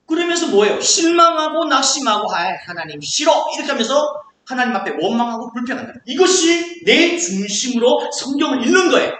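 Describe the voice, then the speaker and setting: A pastor preaching a sermon in a church, animated and acting out the voices of the people in the stories. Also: high voice, a little fast, few pauses, heavy reverb. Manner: animated, acts out quoted voices.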